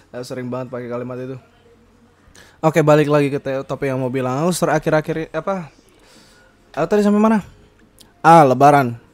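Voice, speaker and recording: Speaking at normal speed with long pauses, a young adult man with a slightly high voice chats on his casual solo podcast. His talk wanders, full of fillers and self-corrections, and he laughs frequently.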